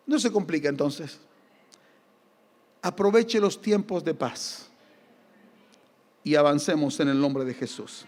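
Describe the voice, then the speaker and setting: A man with an Argentine accent preaches with lively emphasis, his voice pitched notably high. He moves between firm exhortation and humorous anecdote. The recording carries the long reverb of a church hall. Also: slow pace, long pauses. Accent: Argentine Spanish. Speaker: pastor. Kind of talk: sermon.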